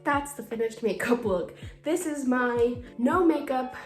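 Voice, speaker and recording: A chatty young woman with a slightly high voice talks casually through a makeup routine and rambles into self-deprecating asides. She sounds a little out of breath. She is filmed on a phone in an echoey room with faint music behind her. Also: measured pace. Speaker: beauty vlogger. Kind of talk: casual makeup tutorial chat. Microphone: phone camera.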